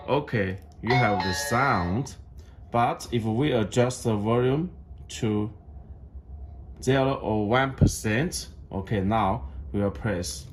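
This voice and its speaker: A non-native English speaker, male, walks through a product demo step by step without a script, pausing and repeating himself along the way. His voice sits at medium pitch, and there's a faint hiss or hum in the background.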